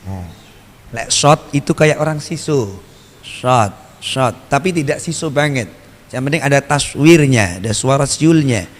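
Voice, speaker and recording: Javanese guy teaching quran reading, slow and patient, repeats sounds a lot, big echoey hall. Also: mid-range voice. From Java. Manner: drills letter sounds over and over, polite and patient. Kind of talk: tajwid lesson to a congregation. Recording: long hall reverb.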